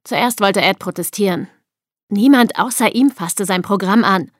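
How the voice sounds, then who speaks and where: A woman's voice: medium pitch, measured pace, no echo, clean studio sound. A woman narrating a thriller audiobook expressively, acting out the dialogue.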